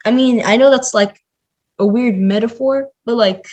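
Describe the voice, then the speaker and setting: A man's voice: very high-pitched, moderate pace, a little mellow, rough recording. A man teaching a coding tutorial in a casual, chatty way, with many "like" and "um" fillers. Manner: chatty, filler-heavy, says "like" a lot. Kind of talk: casual screen-recorded tutorial.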